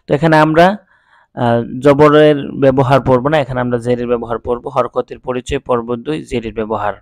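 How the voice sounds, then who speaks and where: A man teaching Quran reading in a slow, step-by-step lesson, drilling each letter and vowel sound one at a time. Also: medium pitch, no echo.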